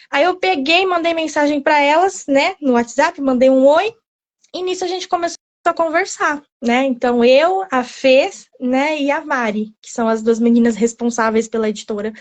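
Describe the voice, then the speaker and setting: A young woman in her twenties, an author being interviewed, telling her story in a chatty, animated way and often quoting her own thoughts. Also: high voice. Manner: chatty, animated, tells the story with quoted self-talk and frequent "né?".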